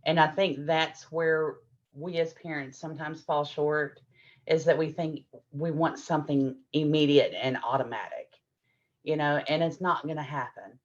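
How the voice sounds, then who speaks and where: Her voice sits low, with a steady tone and normal speed, captured in dull audio: a middle-aged woman leading a parenting workshop. She explains warmly with patient examples, performing what adults and children say.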